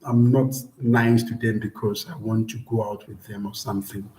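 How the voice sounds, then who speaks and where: A man's voice: on the low side, steady tone, moderate pace, darkish tone. A young Ghanaian man vlogging from home and answering viewers in a live stream, in an easygoing way with repeated words and many fillers. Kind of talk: casual live-stream chat. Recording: echoey room.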